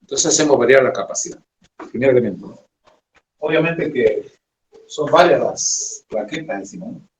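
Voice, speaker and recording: A male electronics teacher giving a slow classroom lecture, talking haltingly and keeping up a steady stream of check-in tags. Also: mid-range voice, a little hiss or hum. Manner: slow, halting, keeps adding "decimos, ¿no?". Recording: echoey room.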